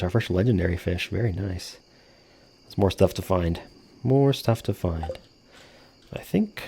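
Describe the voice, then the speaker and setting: Low-voiced man casually commentating a game. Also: mellow. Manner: informal, joking, swears freely. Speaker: gaming video host.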